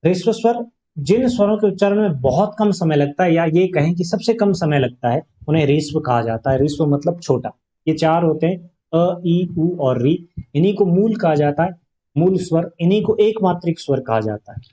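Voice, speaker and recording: Mellow-voiced male grammar teacher. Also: on the high side, lively intonation, moderate pace. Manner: explains patiently, poses rhetorical questions, stretches vowels to demonstrate. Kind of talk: classroom grammar lesson. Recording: dull, lo-fi classroom recording.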